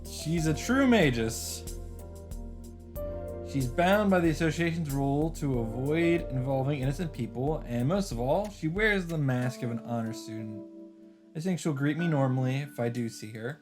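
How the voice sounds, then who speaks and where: A let's player reads the narration of a visual novel aloud, slipping in wry, offhand remarks. His medium-pitched voice has lively intonation at a normal speed, while the game's background music plays loudly behind him.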